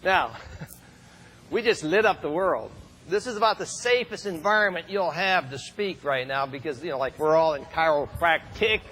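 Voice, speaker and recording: A middle-aged man giving an excitable motivational talk to a live audience, building up to shouted questions. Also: a little high, moderate pace, slight background noise.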